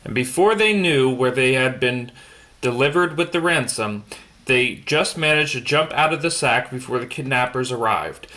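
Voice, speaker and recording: A man reads a children's picture book aloud at bedtime, stumbling over words now and then and making casual comments to explain the pictures. His mid-range voice is expressive, bright and forceful, at a normal speed.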